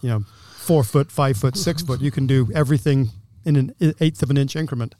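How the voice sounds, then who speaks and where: Guest voice, England-born man in his sixties, mid-pitched and confident, explaining things step by step. Dry, close podcast sound with no room around him. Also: fairly quick, warm tone, no echo. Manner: explanatory, detailed, assured. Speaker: guest, window company owner. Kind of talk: casual interview talk.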